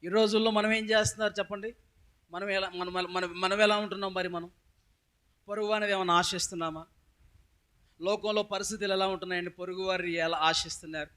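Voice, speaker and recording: A man preaching a sermon as pastor, calling out with loud emphasis and putting questions to his congregation. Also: sits high, steady tone, fairly quick, smooth.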